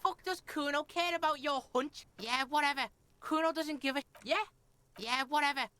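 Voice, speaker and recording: A woman's voice: sits high, moderate pace, bright, forceful tone. A woman streamer voicing a foul-mouthed, aggressive bratty boy in a game. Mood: taunting. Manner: brash, profane, taunting.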